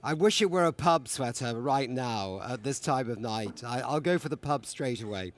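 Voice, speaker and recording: A man's voice: mid-range voice, animated, moderate pace. A man hosting a live broadcast panel, introducing guests in a jovial, chatty way. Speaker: host. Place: lives in Berlin.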